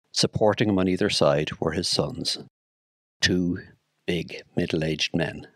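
An Irish man reads his own memories slowly and solemnly, weighing each phrase. His voice is very low and gravelly. The recording is dry and close, with no room sound. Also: no room sound. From Ireland. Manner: measured, solemn, deliberate. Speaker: storyteller recalling his work at the city morgue. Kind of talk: read memoir narration.

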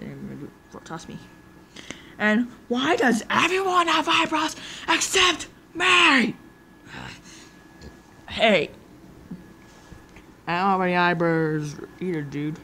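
A woman performs a homemade toy skit, voicing every character herself. She bounces from squeaky high voices to low grumbles with a very lively pitch and an unhurried pace. Faint room ambience sits behind her. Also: a little hiss or hum. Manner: jumps between many put-on character voices, squeaky highs and low mutters.

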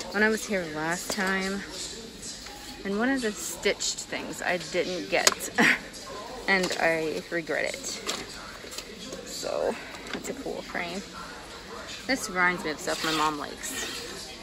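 Recorded on a handheld phone inside a big store, a vintage reseller in her thirties talks through her thrift haul in a relaxed way, using fillers and small laughs as she thinks aloud. She speaks slowly in a fairly low voice, pausing often.

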